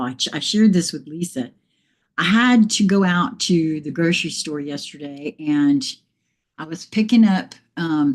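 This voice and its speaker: A woman's voice: low voice, darkish tone. A woman hosting a casual live morning chat, a little out of breath, telling reflective, meandering spiritual stories. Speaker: live stream host.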